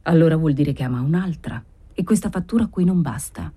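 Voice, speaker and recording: A woman's voice: sits low, animated, brisk, warm tone, breathy edge. A woman doing a solemn old sorceress. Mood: grave. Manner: solemn, incantatory, preaching faith in God.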